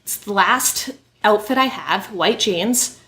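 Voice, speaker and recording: A woman hosting a podcast and telling stories in casual chat, animated and quick to laugh. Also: medium pitch, a little hiss or hum. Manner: animated storyteller, laughs often. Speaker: podcast host and model.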